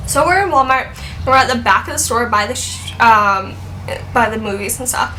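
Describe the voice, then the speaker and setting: A woman in her twenties chats through a storytime vlog. She rambles and leans on "like". Her voice sits a little high and has a bright, sharp edge, with a faint hiss behind it. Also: lively intonation, moderate pace. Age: 20s. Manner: chatty, rambling, heavy use of "like". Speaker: vlogger.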